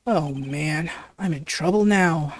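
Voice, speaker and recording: A woman voicing a bumbling male police detective in a game, halting and stammering. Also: sits low, soft background music. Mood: flustered.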